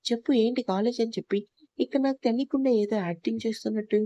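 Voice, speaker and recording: A woman's voice: fairly high pitch, fast, dark tone, no room sound, lo-fi sound, lightly acted. Woman reading as a stern threatening husband. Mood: mocking. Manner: harsh, commanding.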